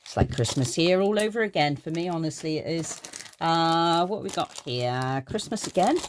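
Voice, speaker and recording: A woman's voice: sits low, animated, normal speed, a little hiss or hum. A middle-aged woman chatting casually through a craft haul in her garden craft room, gushing and rambling. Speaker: craft vlogger.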